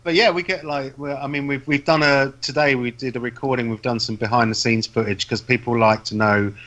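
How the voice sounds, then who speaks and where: A man's voice: medium pitch, fairly even intonation, fairly quick, a bit bright, highs cut off. A man, a comedy podcast host, chatting casually as a guest and laughing often. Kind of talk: casual chat.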